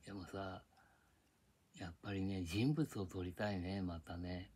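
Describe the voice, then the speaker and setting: Older man, low-pitched, rambling tablet-recorded home monologue, gripes and chatters. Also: fairly even intonation, measured pace, a little mellow, slightly rough. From Japan. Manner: grumbling, chatty, drifting between topics. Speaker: vlogger. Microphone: tablet microphone.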